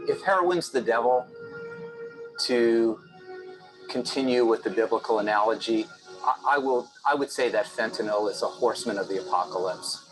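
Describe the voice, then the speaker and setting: A man giving an explanatory documentary interview in a measured, emphatic manner. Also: lowish voice, rough recording. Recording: music bed behind voice.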